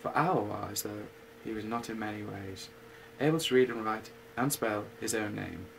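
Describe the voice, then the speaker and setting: A man reading a bedtime story aloud at an unhurried pace, with casual asides. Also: fairly low pitch, gravelly, fairly bright tone, a little hiss or hum, rough recording. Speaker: reader.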